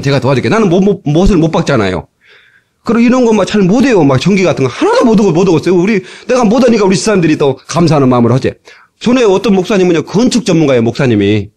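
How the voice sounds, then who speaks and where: Fiery, animated male preacher. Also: sits high. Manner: emphatic, shouting exhortations, acting out voices, bursts of laughter. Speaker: pastor. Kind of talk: fiery sermon. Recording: old cassette tape transfer.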